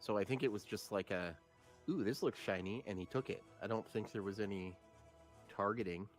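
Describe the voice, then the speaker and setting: A man's voice: on the low side, fairly quick. A man chatting casually as a player in a tabletop role-playing game. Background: background music.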